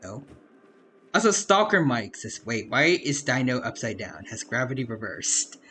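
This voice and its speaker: A man doing casual live game commentary as a streamer, chatty and animated. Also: medium pitch, moderate pace, slight background noise.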